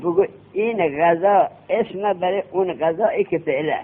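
A man teaching a classroom grammar lesson, quizzing his students with quick questions. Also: high-pitched. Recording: tinny lo-fi classroom recording.

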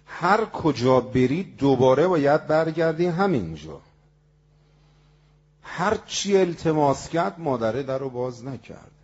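A male preacher telling a moral story in a sermon, with an emotional, rising and falling delivery and a husky voice. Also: fairly high pitch, big pitch swings, a little mellow. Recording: dull lo-fi recording.

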